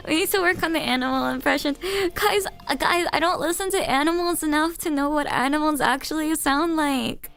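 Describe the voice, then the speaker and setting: A woman's voice: sits high, fairly quick, a bit bright. A woman hosting a live stream, chatting casually with viewers in a giggly, rambling, self-teasing way.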